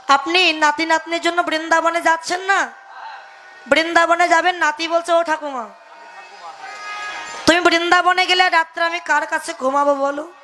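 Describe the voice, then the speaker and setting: A woman's voice: sits high, pushed and bright. A young woman performing devotional kirtan storytelling, preaching and acting out her characters' lines. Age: young adult.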